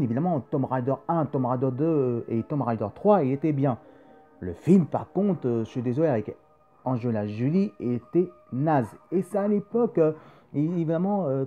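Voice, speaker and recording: A man hosting a casual video chat about comics and films, rambling with many fillers and repeating himself. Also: mid-range voice. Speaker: YouTube host. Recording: dull lo-fi sound with faint music.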